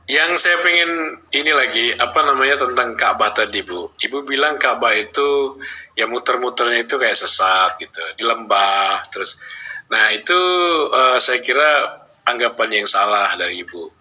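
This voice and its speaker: A man hosting and moderating a debate, calm and conciliatory as he steers the discussion point by point. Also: mid-range voice, normal speed, poor audio. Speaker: host and moderator.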